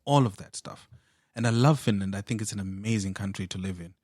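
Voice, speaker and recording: A man's voice: fairly low pitch, a little fast, darkish tone, dry recording, studio quality. A man hosting a podcast, speaking in an upbeat, affirming way. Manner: upbeat, affirming, frequent yeahs. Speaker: podcast host. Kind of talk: casual podcast chat.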